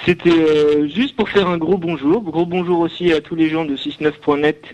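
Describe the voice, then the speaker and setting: Young man, radio show caller, phone line, casual chat, hesitant, slightly high voice. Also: steady tone, moderate pace, a little mellow, slight background noise. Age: young adult. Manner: hesitant, many fillers. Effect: caller heard over a phone line.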